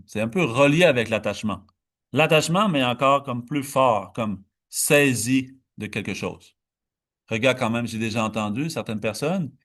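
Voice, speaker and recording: A man teaching meditation in a dharma talk, explaining slowly, stretching key words and often restarting. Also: medium pitch, fairly bright tone.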